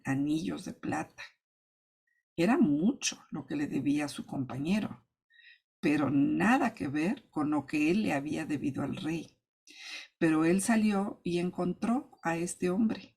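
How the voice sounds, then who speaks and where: A Sunday school teacher tells a Bible parable to children, lively and expressive, slipping into the voices of the king and the pleading servant. Her voice is low and gravelly with a husky edge. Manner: animated, acts out the characters' pleas and commands. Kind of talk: storytelling Bible lesson for children.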